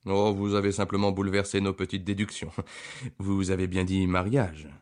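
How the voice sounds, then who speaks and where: A man voicing a sharp, self-assured detective in an audiobook, laying out deductions in a confident, lecturing way. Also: sits low, level tone, moderate pace, close to an everyday voice. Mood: wry.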